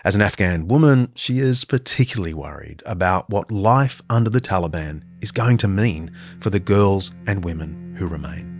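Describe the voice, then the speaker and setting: A man hosting the show, reading a scripted introduction and asking interview questions in a measured, earnest way. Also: sits low, animated, over music. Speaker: host.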